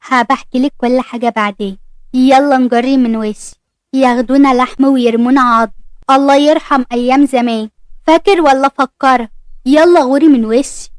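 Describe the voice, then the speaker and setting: A woman's voice: high voice, fairly even intonation, fairly quick, dry recording, close to an everyday voice. Woman voicing a brusque, teasing Egyptian young man. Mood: mocking. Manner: brusque, mocking.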